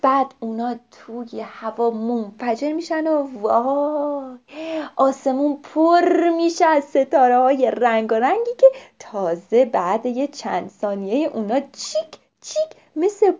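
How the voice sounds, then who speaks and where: A woman voicing an eager little boy from a children's story. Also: sits high. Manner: eager, lively. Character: excited little boy who loves fireworks. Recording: dull lo-fi recording.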